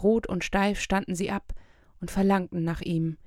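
A woman narrating an audiobook in a calm, measured reading voice, recorded close to the mic. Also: on the low side, no echo. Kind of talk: scripted narration.

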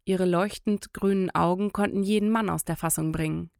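Woman reading an audiobook, low gravelly voice, dry close mic. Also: steady tone, normal speed, darkish tone, no room sound. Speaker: audiobook narrator. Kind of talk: scripted audiobook narration.

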